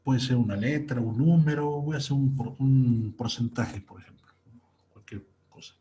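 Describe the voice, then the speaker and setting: A man's voice: medium pitch, normal speed, dark tone. A young man, patiently talking through a screen-recorded coding lesson step by step. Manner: patient, walks through each step aloud. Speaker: programming teacher.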